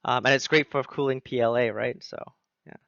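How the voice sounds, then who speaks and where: A man's voice: medium pitch, fairly even intonation, brisk, gravelly, fairly bright tone, no room sound. A man from Wales hosting a casual video interview, talking hesitantly with lots of fillers and restarts. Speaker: host. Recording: dull lo-fi sound.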